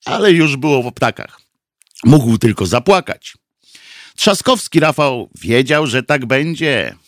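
A man telling a mocking satirical political story on the radio, sardonic and lively. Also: mid-range voice, slow, no room sound, studio quality.

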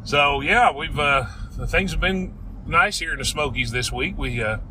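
A man's voice: a little high, a little slow, sharp tone, poor audio. A middle-aged man with a Southern Smoky Mountains drawl, co-hosting a casual, folksy podcast. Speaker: podcast co-host. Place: inside a moving car. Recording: constant vehicle road noise.

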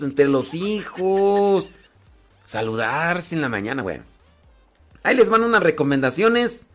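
A man with a Mexican Spanish accent chatting casually as a host, giving family and marriage advice with jokes and rhetorical questions. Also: a little high. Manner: chatty, joking, rhetorical questions, many restarts.

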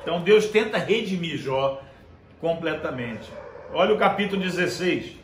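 A male preacher delivering a conversational sermon, reading scripture aloud slowly and checking in with his listeners. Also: fairly high pitch, lively intonation, a little hiss or hum. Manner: conversational, constant tag questions. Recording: echoey room with faint ambience.

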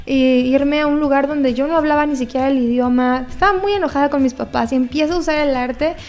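Guest painter, woman, high voice, chatty and upbeat. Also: brisk, darkish tone. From born in the US, raised in Mexico. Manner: chatty and enthusiastic, laughs often. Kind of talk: casual interview.

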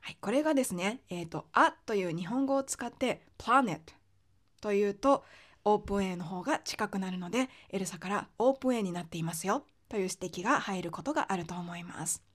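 A woman's voice: mid-range voice, expressive. Patient woman teaching pronunciation. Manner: patient, explanatory, with frequent fillers; slows down to demonstrate English sounds. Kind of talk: explanatory podcast lesson.

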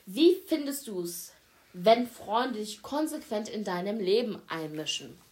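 A woman's voice: mid-range voice, expressive, a little slow, darkish tone. Young woman podcaster, just chatting, keeps talking to "leute", trails off n restarts a lot. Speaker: podcast host. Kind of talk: casual chat.

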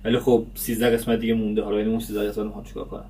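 A man's voice: lowish voice, monotone, dark tone. Casual guy reviewing a tv series, rambling, lots of uhs, a bit far from the mic. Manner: chatty, many fillers.

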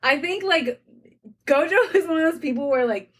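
A woman's voice: sits high, lively intonation, moderate pace. A woman in casual chat, playful and laughing often, with lots of fillers. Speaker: co-host of a drinking game chat. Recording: far from the mic with faint noise.

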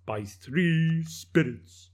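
A man's voice: fairly high pitch, lively intonation, drawn-out words, voice pushed up. A man voicing the anguished ghost of a dead miser, wailing and declamatory. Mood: warning.

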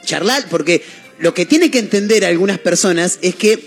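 A man's voice: high voice, expressive, normal speed, husky, faint music behind. A man with a Rioplatense Spanish accent hosting a radio show, easygoing and chatty, speaking to his listeners. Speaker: radio host. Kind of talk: casual radio chat.

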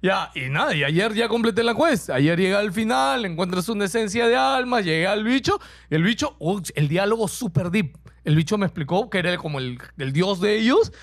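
A man's voice: high voice, lively intonation, fairly quick, few pauses, dry recording, studio quality. A young man, hosting a casual podcast chat and telling stories with enthusiasm. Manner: enthusiastic, storytelling. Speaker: podcast host.

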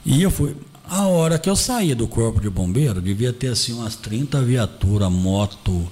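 A middle-aged man, a guest who plays Santa Claus for charity, telling a story in an animated, emphatic way in a casual interview. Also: mid-range voice, normal speed.

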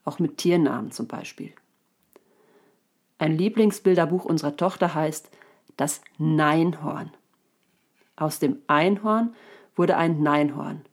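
A woman pastor with a slightly low voice gives a short telephone devotion. She speaks in a calm, measured way and reads passages aloud. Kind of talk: recorded phone devotion.

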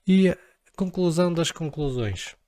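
Animated yet unhurried, a young adult man from Portugal talks to camera in a slightly high, dark-toned voice. This vlogger jokes and rambles with playful asides, his European Portuguese accent clear throughout.

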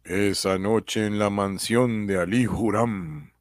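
A man acting as a dramatic old radio serial announcer, with slow, suspenseful, theatrical delivery. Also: fairly low pitch, steady tone, dry recording. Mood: ominous suspense.

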